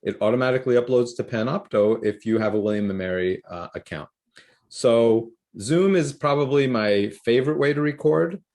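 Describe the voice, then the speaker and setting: A man's voice: medium pitch, normal speed, darkish tone. A man hosting an online workshop, explaining recording tools in an upbeat, casual way over a video call. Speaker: workshop host. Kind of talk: casual instructional talk.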